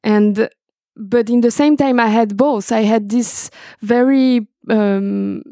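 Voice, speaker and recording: Speaking slowly in a mellow, rather high voice, a young musician from Brazil joins an interview by video call from her home. She frequently pauses to find words. The recording is dry and of studio quality.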